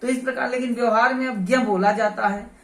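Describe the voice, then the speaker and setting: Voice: mid-range voice, steady tone, a little fast. A teacher explaining pronunciation in a lesson, speaking methodically and saying each sound aloud several times to demonstrate it. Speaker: grammar teacher. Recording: roomy echo, voice from a distance.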